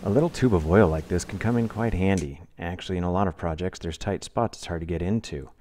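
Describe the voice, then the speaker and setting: A man hosting a do-it-yourself channel, talking through a craft demonstration in a relaxed, practical, plain-spoken way as a close-miked voice-over. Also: low voice, fast, a little hiss or hum. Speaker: DIY channel host. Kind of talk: casual tutorial voice-over.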